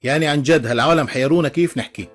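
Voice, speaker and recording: A man with a Levantine Arabic accent telling a string of jokes, animated, slipping into character voices and chuckling along. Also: a little high, very fast, over music. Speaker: joke teller. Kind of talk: voiced joke compilation.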